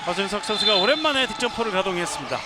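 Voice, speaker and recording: A man doing live handball play-by-play, given to shouted, drawn-out goal calls. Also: sits high, sing-song. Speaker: sports play-by-play announcer. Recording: clear arena noise behind the voice.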